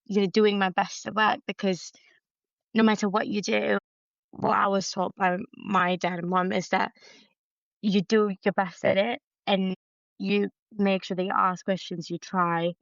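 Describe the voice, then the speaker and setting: A woman's voice: medium pitch, level tone, a little slow, vocal fry, no room sound. A woman, a young lawyer speaking earnestly as a podcast guest over slightly muffled audio. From Singapore. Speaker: trainee lawyer, interview guest. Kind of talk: podcast interview.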